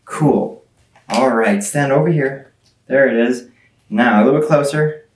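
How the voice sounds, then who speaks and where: Low-voiced woman, playful kids party magician. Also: measured pace, a little mellow. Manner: playful, teasing, coaxing children with questions. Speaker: children's magician. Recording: roomy, echoing sound.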